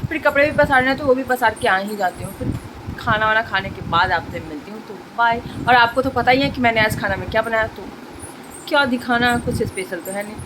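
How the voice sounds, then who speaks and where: A woman's voice: fairly high pitch, fairly quick, background noise. A young woman chatting to her viewers in a casual home vlog, filmed on a phone. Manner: chatty, talks straight to viewers. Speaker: vlogger. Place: home and rooftop, indoors and out.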